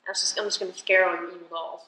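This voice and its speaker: A woman's voice: fairly low pitch, little pitch movement, very fast, pushed and bright. A young woman playing a card game with friends at home, teasing and swearing casually. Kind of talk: casual chat. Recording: echoey room, mic at a distance.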